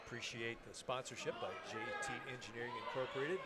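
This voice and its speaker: A man giving excitable live commentary on a high school wrestling match, laughing between calls. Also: quick pace. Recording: loud crowd and noise behind.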